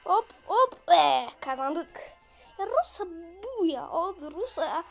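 Very high-voiced excitable woman gamer. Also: a little slow, vocal fry, soft background music. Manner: excitable, yells at opponents, chatty slang. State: voice off from illness. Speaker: gaming video creator. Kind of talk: live gameplay commentary.

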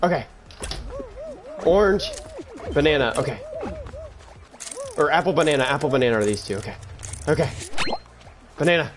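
A teenage boy streaming a video game live, excitable and yelling at the game, with game music behind him. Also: a little high, normal speed, pauses often. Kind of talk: live gaming stream commentary.

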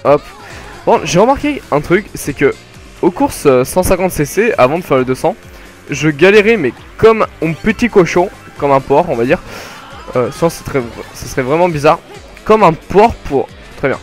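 A young man casually commenting his kart race, joking and rambling with sudden excited outbursts. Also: a little high, normal speed, faint music behind. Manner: jokey, rambling, self-mocking, bursts of excited yelling. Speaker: gaming commentator. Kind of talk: casual let's play commentary.

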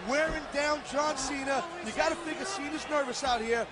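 A man's voice: very high voice, normal speed, a loud crowd. A man working as a wrestling commentator, giving colloquial, punchy live analysis of the action. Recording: loud arena noise behind broadcast commentary. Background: noisy wrestling arena.

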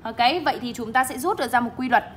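A young woman English teacher with a bright, clear voice, speaking a little higher than most women. She explains word stress in a bilingual classroom style, leaning hard on stressed syllables as she models each word. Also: quick pace, slight background noise. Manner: emphatic, stresses syllables while modeling words.

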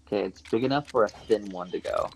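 A man's voice: fairly low pitch, fast talker, creaky, darkish tone, a little hiss or hum, poor audio. A man playing a multiplayer game with friends, talking in a hesitant, wry way with many fillers. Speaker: co-player. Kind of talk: casual multiplayer gameplay chat.

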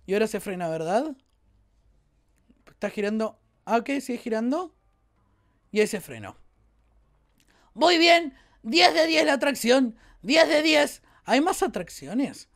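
Excitable high-voiced Rioplatense woman gamer. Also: a little slow, pauses often. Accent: Rioplatense Spanish. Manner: excitable, exclaiming and joking at the viewers. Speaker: gaming YouTuber. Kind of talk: let's play commentary.

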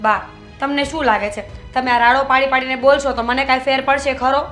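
A sarcastic young daughter-in-law. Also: female voice, high-pitched, steady tone, fairly quick, a bit bright, faint music behind. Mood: dismissive. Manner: sarcastic, curt. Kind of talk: film drama acting. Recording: echoey room.

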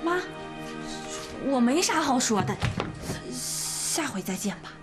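An actress playing a young sister-in-law who turns blunt and scolding when pushed. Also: female voice, high voice, sing-song, slow, exaggerated voice. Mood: soothing. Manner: scolding, exasperated. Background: background music.

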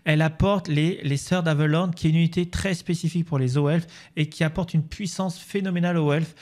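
Chatty man with a high-ish voice. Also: steady tone, fairly quick, darkish tone. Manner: chatty, many fillers and restarts, shifting pace. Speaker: gaming video host. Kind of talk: casual video commentary over a game map.

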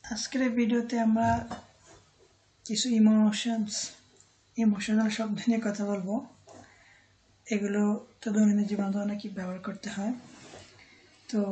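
A woman teaching a vocabulary lesson, repeating each word and pausing often with a filler word. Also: mid-range voice, warm tone, rough recording. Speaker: language teacher.

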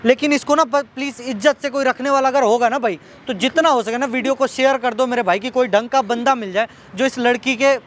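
Pleading man outdoors, high voice. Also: fairly even intonation, fairly quick, few pauses, a bit bright. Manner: pleading, repeats himself, soothing when she cries. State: unwell. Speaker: vlogger helping a young woman. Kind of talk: outdoor appeal to viewers.

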